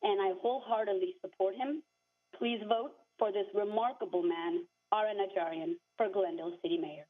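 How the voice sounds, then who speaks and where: A woman's voice: medium pitch, normal speed. Woman phoning in to a council meeting, formal and earnest, tinny phone sound. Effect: calling in over a phone line. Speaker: public comment caller. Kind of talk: reading a prepared public comment.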